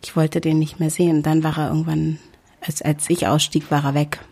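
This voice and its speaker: A woman chatting casually, telling an anecdote and acting out shouted quotes. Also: low-pitched, brisk, husky. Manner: animated storyteller, acts out shouted quotes.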